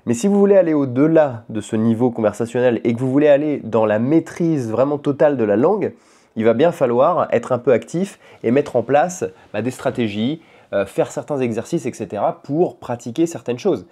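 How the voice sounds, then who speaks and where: A man in a casual home vlog, with a warm, mellow voice and a middle pitch. He talks in an easy, rambling way, with many small hesitations. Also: moderate pace. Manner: relaxed and rambling, with frequent hesitations. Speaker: language-learning vlogger and podcaster. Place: at home in his apartment.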